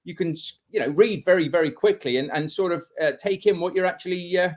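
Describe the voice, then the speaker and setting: An enthusiastic male podcast host with a fairly high-pitched voice. He introduces and questions his guest in a casual interview, heaping on praise. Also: fast, a little mellow.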